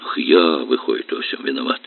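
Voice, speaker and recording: A man voicing a weary, gruff barge captain and husband in a low, heavy voice, reading an audiobook. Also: big pitch swings, measured pace, exaggerated voice. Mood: despairing. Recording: dull lo-fi recording.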